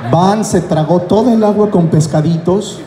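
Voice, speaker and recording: A man's voice: high-pitched, moderate pace. Joking man on stage in an echoey hall. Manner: joking, playful, laughs at his own jokes. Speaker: voice actor guest at a fan convention. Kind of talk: stage talk to a fan crowd. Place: large indoor convention hall with a crowd. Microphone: handheld mic, filmed from the audience. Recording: echoey hall with loud crowd noise.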